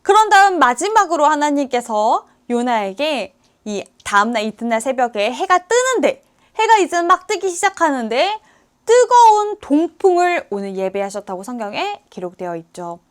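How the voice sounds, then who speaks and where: A woman's voice: high-pitched, very animated, normal speed. A woman junior pastor giving a children's sermon, retelling a Bible story and asking the children questions.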